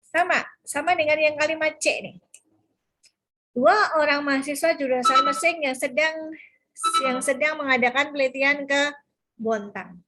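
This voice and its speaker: A woman's voice: high voice, sharp tone. A woman lecturer explaining sentence grammar to students, patient and repetitive, checking in often. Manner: patient, repeats key terms with frequent "ya" checks.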